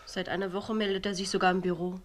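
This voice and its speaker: A woman's voice: mid-range voice, level tone, quick pace, close to an everyday voice. An actress playing a young woman who is a married man's weary secret lover in a TV drama. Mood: annoyed. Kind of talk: screen drama acting. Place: indoors, bedroom scene. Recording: faint noise, old TV soundtrack.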